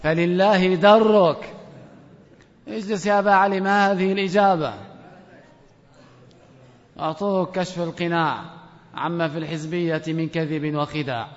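A man's voice: fairly high pitch, steady tone, normal speed, pauses often. A man teaching a grammar class, quizzing students with a playful, commanding manner. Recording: dull audio in a reverberant hall.

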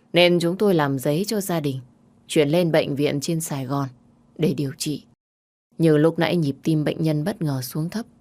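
Woman voicing a brisk, clinical hospital doctor. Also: sits low, darkish tone. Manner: quick, formal, clinical.

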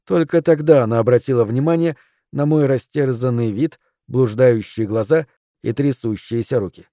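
A man narrating a story in the first person, in measured, expressive audiobook style. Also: mid-range voice, no room sound, clean studio sound.

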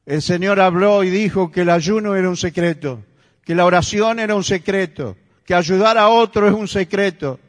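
A male pastor with a Rioplatense Spanish accent delivers an emphatic sermon, his high voice climbing toward near-shouts. The sound carries a long reverb, as if recorded in a large, echoey church hall. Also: normal speed.

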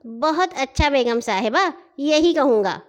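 A woman's voice: sits high, lively intonation. A woman voicing a forgetful, simple-minded young male servant who earnestly chants the same words over and over. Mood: eager.

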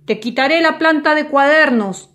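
A man's voice: extremely high pitch, normal speed, pushed and bright, voice pushed up. A woman voicing an angry, bossy male notebook seller in a children's story. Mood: furious. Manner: roaring, bossy.

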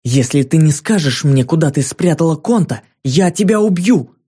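A man voicing a brave young girl who shouts her defiance in an audiobook. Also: fairly high pitch, expressive, normal speed, slightly rough. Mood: defiant.

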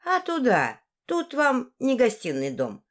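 A woman's voice: on the high side, wildly swooping pitch, slow, pitched above the performer's own voice, exaggerated voice. A woman voicing a grumpy old peasant woman who scolds bluntly in a rustic way, in an audiobook. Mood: dismissive. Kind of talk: audiobook character voice.

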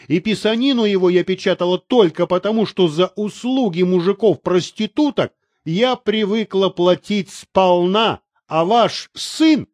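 Brief: man doing a haughty middle-aged woman publisher, cutting and scornful, lively high voice, dry close sound. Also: no room sound. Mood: contemptuous. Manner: scornful, cutting, quick to anger. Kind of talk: audiobook character reading.

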